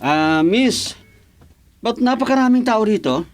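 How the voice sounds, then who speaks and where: An actor playing a polite, earnest young egg vendor in an expressive radio drama style. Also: male voice, sits high, a little slow.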